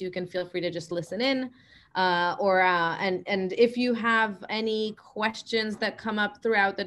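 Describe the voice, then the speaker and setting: A woman opening and moderating an online panel discussion over a video call, speaking with many hesitant fillers. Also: medium pitch. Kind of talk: webinar hosting.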